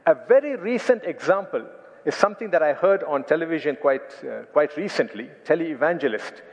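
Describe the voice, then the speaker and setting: A man with an Indian accent preaching a sermon, emphatic and repeating key phrases slowly for weight. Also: fairly high pitch, lively intonation, darkish tone, in a large hall, dull audio.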